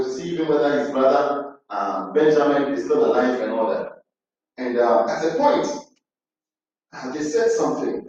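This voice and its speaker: A man preaching a sermon in an animated way, acting out the pleas and retorts he quotes. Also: mid-range voice. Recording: echoey, dull sound from a distant mic.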